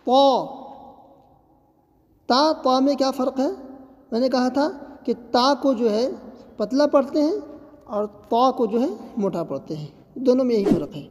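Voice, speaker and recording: A woman's voice: on the high side, a little mellow. Patient woman tajweed teacher, echoey room. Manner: patient, reassuring explanations; draws out letter sounds in demonstration. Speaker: Quran recitation teacher. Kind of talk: tajweed lesson.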